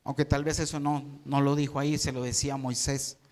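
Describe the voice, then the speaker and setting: A man's voice: mid-range voice, flat delivery, fairly quick, darkish tone. A male pastor preaching a sermon, acting out scenes and asking the congregation dramatic questions. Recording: long hall reverb.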